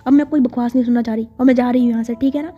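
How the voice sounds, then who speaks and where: A woman's voice: a little high, fairly even intonation, rapid-fire, natural voice. A woman voicing a confident young woman who teases and insists bossily, in a lo-fi recording with faint music. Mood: bossy. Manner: teasing, insistent, scolding. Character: bossy teasing young woman, confident best friend. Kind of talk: storytelling voice acting.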